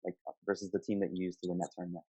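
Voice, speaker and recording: Hosting a casual online panel about gaming, a man asks his guests loose questions and backs up their answers. He speaks in a deep, mellow, husky voice with a level tone, racing along. The sound comes from a dull voice-call recording.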